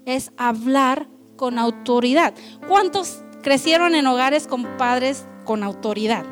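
A woman's voice: sits high, takes it slowly, faint music behind. A woman preaching a conversational sermon, mixing in English phrases. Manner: switches between Spanish and English, conversational and lively.

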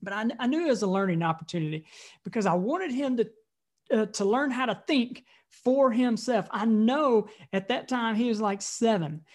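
High-voiced male pastor telling a story. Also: normal speed. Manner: animated storyteller, voices the people he quotes. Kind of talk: sermon with personal story and scripture reading.

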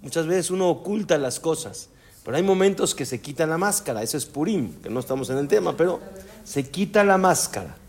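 Rabbi guy teaching a torah class, high voice, bounces all over, keeps asking the room questions. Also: fairly quick, husky. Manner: animated storyteller, addresses listeners with rhetorical questions.

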